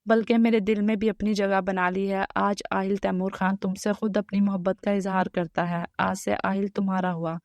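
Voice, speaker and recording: A woman's voice: mid-range voice, little pitch movement, hardly any pauses, dry recording, natural voice. A woman reading the part of a proud young husband who turns from stern to tender in a storybook romance.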